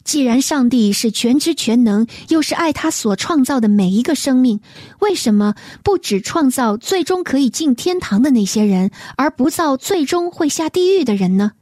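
Woman, faith radio co-host, gentle measured reading, warm mellow tone, dry studio sound. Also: sits high, expressive, dry recording. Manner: gentle, measured, reads letters aloud. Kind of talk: reading listener letters on a faith program.

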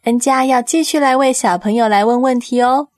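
A woman hosting a children's radio show, explaining things slowly and simply as if to small children. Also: on the high side, darkish tone, no room sound, studio quality.

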